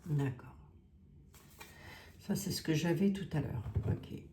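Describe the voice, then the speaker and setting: A woman's voice: deep voice, slow, reverberant, background noise. A woman with a Lorraine accent giving a chatty psychic card reading to her viewers, often tagging lines with "hein". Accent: Lorraine French. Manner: chatty, warm, peppered with "hein". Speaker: clairvoyant card reader.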